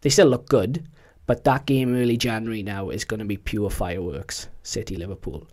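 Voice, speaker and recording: A young man, chatting casually about football as a podcast co-host, animated and slangy. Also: fairly low pitch, moderate pace.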